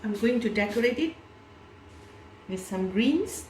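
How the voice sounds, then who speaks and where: A woman's voice: a little high, expressive, unhurried, darkish tone, reverberant, slight background noise. A woman hosting a cooking video, chatting casually and walking through each step aloud as she cooks. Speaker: cooking channel host.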